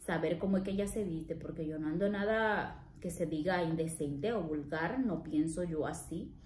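A woman's voice: on the low side, moderate pace, a little mellow, roomy sound, slight background noise. A woman, chatting casually to her viewers in a vlog and calling them her loves. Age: 30s. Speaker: vlogger.

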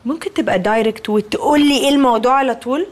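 An actress playing an impatient, imperious, spoiled young daughter in a TV comedy, curt, in affected upper-class Egyptian Arabic. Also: female voice, on the high side, very fast, lightly acted. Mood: impatient, suspicious. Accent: Egyptian Arabic, affected upper-class with English words. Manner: curt, haughty. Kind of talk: TV comedy acting.

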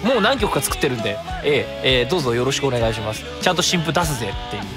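A man hosts a solo radio show with casual, rambling chat, thinking aloud and correcting himself as he goes, over background music. His medium-pitched voice races along with big pitch swings.

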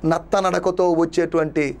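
A man's voice: fairly high pitch, level tone, moderate pace, a little mellow. A man preaching a sermon as a pastor, with dramatic repetition and rhetorical questions. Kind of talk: Telugu sermon.

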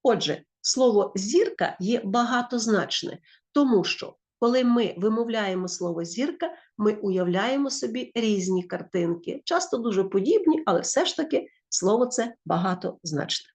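A woman with a Ukrainian accent, explaining a school lesson in a lively way and correcting herself often. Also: on the high side, normal speed. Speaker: teacher.

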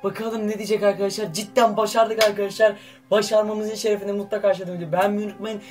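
Excitable young man gaming vlogger. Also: high voice, quick pace, music in the background. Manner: excitable, swings between loud outbursts and muttering. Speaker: YouTuber.

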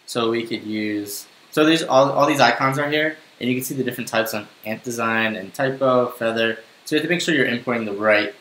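This coding tutor is young and talks briskly with few pauses, his mid-range voice a bit bright. He narrates casually to himself while typing through the screencast, and the roomy home recording carries a faint hiss.

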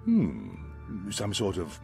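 A man's voice: fairly low pitch, wildly swooping pitch, creaky, darkish tone, slightly rough, soft background music, heavily acted. A man voicing an eccentric, playful costume maker in an adventure game, humming and musing as he talks. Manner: drawn-out, musing delivery with many hums. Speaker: game character.

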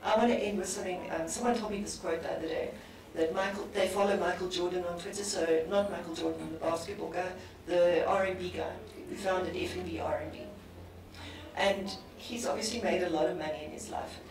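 Brisk South African woman on a panel. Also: fairly low pitch, fairly even intonation. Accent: South African English. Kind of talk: panel discussion. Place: conference stage panel. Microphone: handheld mic. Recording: very echoey hall, distant, background noise.

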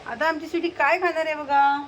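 A high-pitched woman, talking to her animals in sing-song baby talk, coaxing them and scolding them fondly. A faint hiss of background noise sits under her voice, with dogs heard now and then. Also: level tone, brisk, a bit bright, highs cut off. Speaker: vlogger feeding pets and strays.

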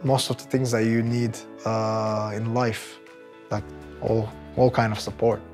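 This man has a lowish, flat, unhurried voice. He's a Turkish-accented technical project manager in his thirties from Turkey, chatting conversationally as the employee in an interview. The setting is a bright indoor office next to large windows, captured on a lapel mic over background music.

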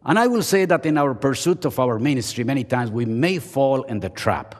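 Here the older seminary professor, as chapel speaker, pokes fun at himself in a playful sermon from the podium of a big chapel auditorium. He sounds medium-pitched, expressive and a little fast, with long reverb from the hall on the podium microphone.

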